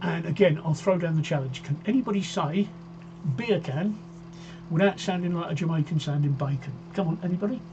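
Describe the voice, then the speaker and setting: Speaking briskly in a slightly high voice, a sixties-aged host rambles chattily through a home livestream, reading viewer comments and repeating phrases. His desk microphone gives dull audio with a clear electrical hum behind it.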